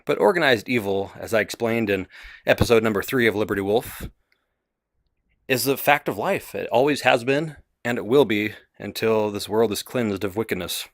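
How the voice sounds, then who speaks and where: A man delivers a political commentary monologue on his podcast, emphatic and declamatory, with dramatic pauses between phrases. His voice sits a little low. The recording is dry and close. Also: no room sound. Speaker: podcast host.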